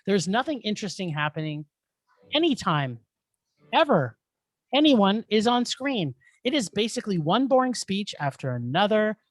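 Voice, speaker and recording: A woman's voice: medium pitch, no echo. A woman co-hosting a film podcast, ranting with exasperation and plenty of swearing. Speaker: podcast co-host. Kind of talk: casual film review chat. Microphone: studio mic.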